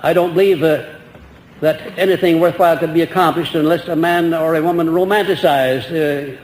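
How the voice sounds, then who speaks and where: A man's voice: a little high, fairly even intonation, normal speed, darkish tone. An older man giving an earnest, rambling lecture to an audience, heard on an old archival recording. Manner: earnest, rambling with restarts and rhetorical questions. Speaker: lecturer answering audience questions. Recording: echoey old hall recording with faint hiss.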